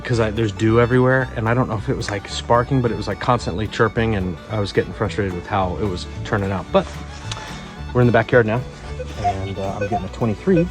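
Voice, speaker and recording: A man with a fairly low voice talks casually outdoors, thinking aloud as he presents his finds. His delivery is musing and tentative, like a hobbyist's vlog. Guitar music plays clearly behind him. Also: fast talker. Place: outdoors in a backyard.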